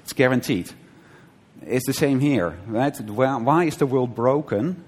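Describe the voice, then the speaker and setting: A man teaching a conversational sermon, often checking with his listeners with a quick "right?" and restarting his sentences. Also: mid-range voice, animated, a little mellow, breathy edge. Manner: conversational, frequent "right?" checks and brief laughs, self-correcting restarts. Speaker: preacher. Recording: long hall reverb.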